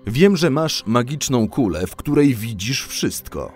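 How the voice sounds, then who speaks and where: A man's voice: mid-range voice, big pitch swings, a little slow, darkish tone, faint music behind. A man voicing a stern, loving old king and father in a storybook tale, raising his voice to command. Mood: pleading. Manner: commanding, raised voice.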